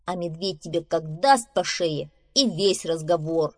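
A woman's voice: lowish voice, a little slow, darkish tone. A woman voicing a cowardly, sulky male badger in a storybook, mumbling and grumbling.

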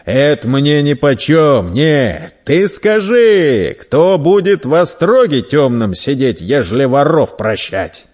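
A man voicing a burly red-bearded merchant who scolds and mocks a young thief loudly. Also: a little high, expressive, slow, few pauses, pitched above the performer's own voice. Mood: scolding. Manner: loud, scolding, teasing.

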